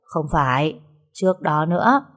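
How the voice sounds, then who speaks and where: A grumpy young master of the house, as a woman voices him snaps out gruff, scolding lines. He sounds fed up in this storybook tale. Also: sits low, lively intonation, measured pace. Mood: curt.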